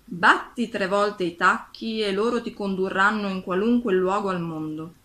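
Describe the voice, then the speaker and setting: A woman voicing a kind, gentle good witch in a storybook reading, in a raised, kindly tone. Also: mid-range voice, normal speed, natural voice.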